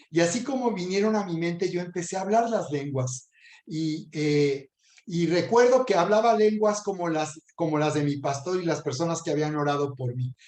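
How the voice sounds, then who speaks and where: A man's voice: fairly high pitch, darkish tone. A man, a pastor teaching a video Bible lesson and leading a prayer, earnest and often repeating words. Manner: earnest, repeats words while searching for them. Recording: echoey room.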